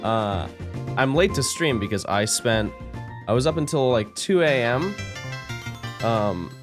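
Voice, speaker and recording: A male streamer speaks into a headset mic with game music running underneath. His voice jumps all over, from shouted hype down to mock-sad mutters. His throat sounds a little sore. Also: medium pitch, animated, a little slow. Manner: swings between hyped shouting and mock-sad mumbling. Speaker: livestreamer. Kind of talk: casual livestream chat. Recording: game music playing behind.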